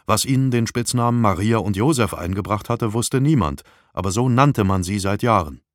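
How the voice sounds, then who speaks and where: Low-voiced man narrating a crime novel. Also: expressive, normal speed, no echo, clean studio sound. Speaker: audiobook narrator. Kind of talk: scripted narration.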